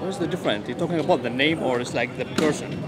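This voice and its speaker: Hombre iraquí de habla entrecortada. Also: male voice, medium pitch. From Iraq. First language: Arabic. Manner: halting, repeats words, pleading. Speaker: passer-by in a debate. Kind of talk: heated street debate. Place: outdoor park plaza. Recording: crowd chatter outdoors.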